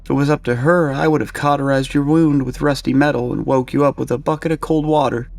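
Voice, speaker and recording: A man voicing a brisk, sharp-tongued female military doctor in a storybook narration. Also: mid-range voice, fairly even intonation, gravelly, pitched above the performer's own voice, natural voice. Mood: disdainful. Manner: scolding, blunt.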